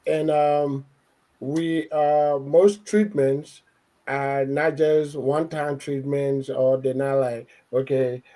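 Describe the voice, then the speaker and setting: A man, a doctor on a discussion panel, talks very slowly with a mellow, warm tone. His pitch sits a little high for a man, and he explains patiently, often checking in with tag questions. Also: low-quality recording.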